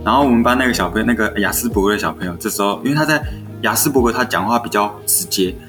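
Very fast and fairly low, he talks like the animated storyteller he is: a young Taiwanese Mandarin-accented teacher in his twenties recounting elementary classroom stories casually and acting out the lines. Music sits faintly behind him.

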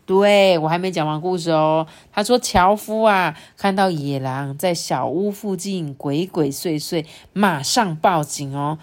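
A Taiwanese-accented woman with a fairly low voice reads a storybook to her child. Her telling is expressive, with big dramatic pitch swings, and she keeps checking in with questions. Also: unhurried, few pauses. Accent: Taiwanese Mandarin. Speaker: parent reading a picture book to her child. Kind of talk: storybook reading with chatty commentary.

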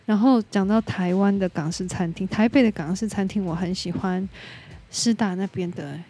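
Mellow-voiced Taiwanese woman podcaster. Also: mid-range voice, moderate pace, breathy edge. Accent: Taiwanese Mandarin. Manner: candid and opinionated, drops in English words. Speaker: podcast host. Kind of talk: casual solo podcast chat.

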